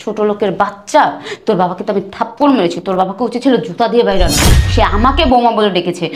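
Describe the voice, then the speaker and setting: In a short drama, an actress plays an arrogant, wealthy young bride who shouts scornful, sneering insults at her poor in-laws with contempt. Her medium-pitched voice moves very fast and is lightly acted, recorded in an echoey room with background noise.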